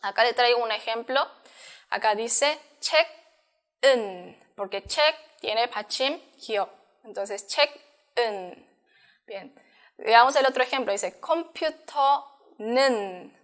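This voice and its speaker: A woman's voice: a little high, moderate pace, fairly bright tone. Patient woman teaching a language lesson. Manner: patient, step-by-step explaining with frequent "¿sí?" checks. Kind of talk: recorded online lesson.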